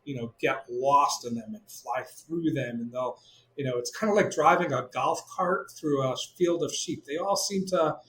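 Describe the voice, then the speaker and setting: A man's voice: medium pitch, moderate pace, low-quality recording. A middle-aged man from Israel, a glider pilot, telling stories in a casual interview, full of fillers and restarts. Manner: animated, many fillers and restarts.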